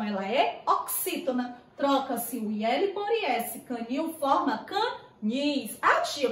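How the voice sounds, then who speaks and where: High-voiced teacher in echoey room. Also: female voice, far from the mic. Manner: patient, explains step by step with questions; voices imagined student questions. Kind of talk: classroom video lesson.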